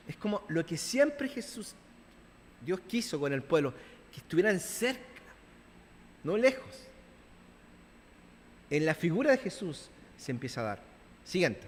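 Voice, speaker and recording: A Chilean pastor with a high, somewhat bright voice preaches a conversational sermon to his congregation, often checking in with them. He acts out biblical dialogue in playful voices. The church hall gives the recording a long reverb.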